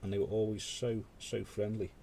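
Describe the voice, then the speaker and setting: While painting on his stream, this British host rambles conversationally, full of asides, in a lowish, gravelly yet mellow voice. His pitch barely moves, his speed is normal, and there's a little hiss or hum in the background.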